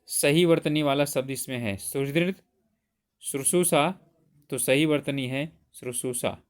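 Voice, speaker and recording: Man, teacher, exam prep lecture, explains step by step, mid pitch. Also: a little slow. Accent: Hindi. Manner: explains step by step, asks and answers his own questions.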